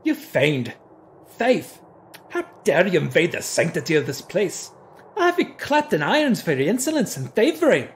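A brave, trembling priest, as a woman reads him in a story, calling out in fervent, declamatory tones. His voice rises and falls in a wide, lively swing, and faint noise runs underneath. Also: fairly low pitch, slow pace, pauses often, exaggerated voice. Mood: outraged. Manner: fervent, declamatory prayer and rebuke.

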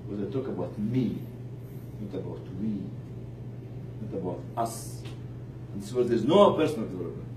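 Clear noise and strong echo surround this distant recording of a man with a very lively pitch giving an informal spiritual pep talk. Addressing charity staff in a room with a live audience, he emphasizes, pauses, and asks questions he doesn't expect answered.

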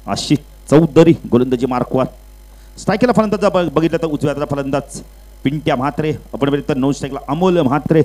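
A man giving live play-by-play commentary at an outdoor local cricket match over a public address microphone, getting louder and higher on runs and wickets and calmer between balls, with English cricket terms mixed in. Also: quick pace, rough recording. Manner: mixes English cricket terms into his talk.

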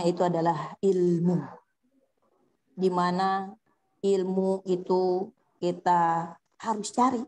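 A woman's voice: on the low side, darkish tone. A woman teaching a study circle for mothers, asking them questions and acting out heartfelt prayers. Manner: addresses listeners as Bunda, asks questions. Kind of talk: Islamic study circle talk. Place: women's study gathering.

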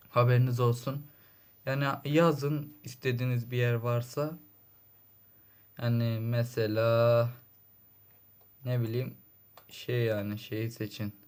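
A man's voice: mid-range voice, a little mellow. A man giving casual gameplay commentary, grumbling and exasperated, with sudden frustrated outbursts. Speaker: gaming channel host.

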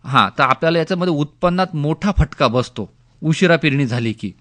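A man's voice: fairly high pitch, expressive, fairly quick, fairly bright tone. A man giving instructive advice on a radio phone-in, repeating key points. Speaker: agricultural expert guest on a radio phone-in. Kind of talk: spoken explanatory advice on radio.

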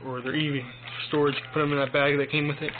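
A man's voice: fairly high pitch, flat delivery. Tinny phone-video young man, casual and rambling. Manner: rambling, halting, informal. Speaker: amateur headphone reviewer. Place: small domestic room, indoors. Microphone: handheld phone mic. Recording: tinny phone recording with clear noise.

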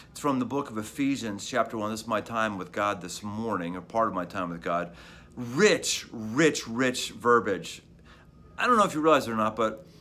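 A middle-aged pastor speaks from his office in an evening devotional. His voice sits at an ordinary pitch for a man, and his delivery is conversational, with repeated words and phrases for emphasis. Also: a bit bright.

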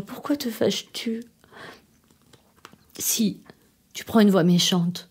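An actress performs a theatre monologue as a desperate woman pleading over the phone with her departing lover, often sinking to a trembling whisper in a hushed, pleading mood. Her voice is medium-pitched, dark in tone, and slightly rough.

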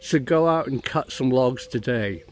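A man's voice: mid-range voice, measured pace, a little hiss or hum. An older man outdoors in a garden, talking close to a handheld camera as he explains the engineering of a chainsaw with enthusiasm and little bursts of laughter. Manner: enthusiastic, breaks into short laughs mid-sentence. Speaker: science filmmaker and farmer reviewing a chainsaw. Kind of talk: casual explanatory video review. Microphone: handheld camera held close, wide-angle selfie framing.

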